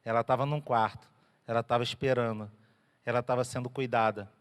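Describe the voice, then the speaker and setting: A male pastor, preaching a sermon with animated storytelling. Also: mid-range voice, a little fast, smooth, long reverb tail. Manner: animated storytelling, acting out quotes.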